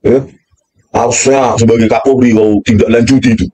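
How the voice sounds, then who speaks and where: A man's voice: mid-range voice, steady tone, a little fast, mellow. A man delivering angry commentary in a furious rant, repeating a filler tag constantly.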